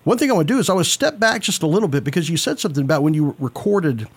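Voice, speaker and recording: A man's voice: a little high, animated, racing, breathy edge. A man hosting an interview, asking long rambling questions full of restarts. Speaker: podcast host. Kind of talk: casual interview talk.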